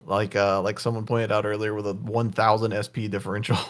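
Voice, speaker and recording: Relaxed male co-caster breaking down plays. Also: lowish voice, moderate pace. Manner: relaxed, analytical, with fillers. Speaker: co-caster analyst. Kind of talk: esports color commentary.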